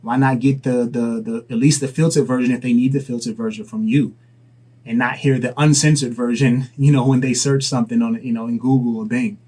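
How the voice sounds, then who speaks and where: A man's voice: medium pitch, fairly even intonation, a little fast, dark tone. A young adult man, a father and vlogger, giving casual advice in an earnest, rambling way. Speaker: dad vlogger and entrepreneur.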